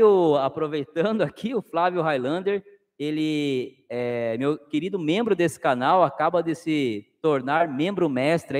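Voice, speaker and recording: A man's voice: a little high, a little mellow, in a large hall. A man with a Brazilian Portuguese accent hosting a casual live stream and reading viewer messages. He talks in an informal, slangy, fatherly way and calls his viewers nephews.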